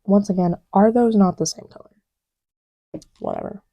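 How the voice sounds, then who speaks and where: Playing a partner to the listener, a woman who makes audio roleplays chats intimately and casually while testing markers, teasing and rambling and often sinking to a near-whisper as if right beside them. Her medium-pitched voice is gravelly and dark, with huge pitch swings at normal speed and a little hiss or hum.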